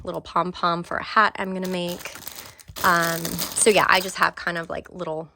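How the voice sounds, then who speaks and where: A woman's voice: on the low side, little pitch movement, moderate pace, background noise. A young woman casually chatting through a tour of her craft room, enthusiastic and full of fillers and restarts. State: briefly out of breath. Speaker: craft vlogger.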